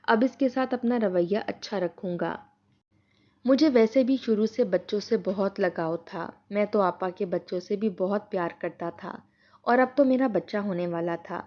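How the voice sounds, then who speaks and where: A woman narrating a first-person moral story in a steady, earnest storytelling tone. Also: mid-range voice, highs cut off.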